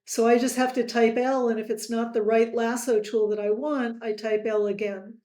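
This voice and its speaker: A woman tutoring software in a screen-recorded lesson, friendly, with quiz-style asides to the viewer. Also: fairly high pitch, level tone, moderate pace, echoey room.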